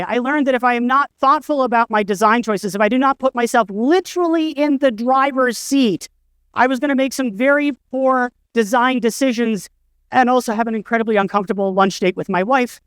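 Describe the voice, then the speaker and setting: Speaking in a very high-pitched, slightly bright voice, a middle-aged conference speaker spins self-deprecating, wry stories in his keynote on an indoor stage. The tone is clean, with no room sound.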